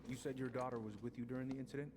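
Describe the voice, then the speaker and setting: An actor voices a middle-aged police chief in a narrative game, questioning people in a quick, businesslike way. His pace runs fast and his pitch sits mid. Ambient game noise is clear behind him. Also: flat delivery, close to an everyday voice. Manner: brisk, official questioning.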